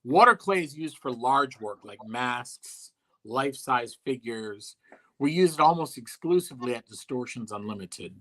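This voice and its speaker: Man talking shop about clay, blunt and dry, swears casually, bright forceful voice. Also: medium pitch, lively intonation, moderate pace. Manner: blunt, dry, profane, offhand. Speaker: guest, monster sculptor. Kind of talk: casual interview talk.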